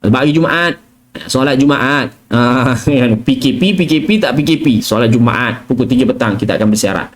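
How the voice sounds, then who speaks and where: A middle-aged Quran recitation teacher with a Malaysian Malay accent gives a casual live tajwid lesson, chatty and peppering his speech with "kan?" and "ah." He sometimes demonstrates letter sounds in a whisper or chanted recitation, speaking a little fast in a mid-range voice over slight background noise.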